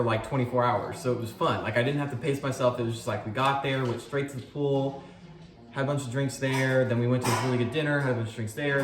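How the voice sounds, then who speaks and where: A man in his twenties co-hosting a casual chat, telling stories in a laid-back, rambling way. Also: mid-range voice. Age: 20s. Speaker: vlog co-host. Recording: roomy echo, faint music behind. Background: faint background music.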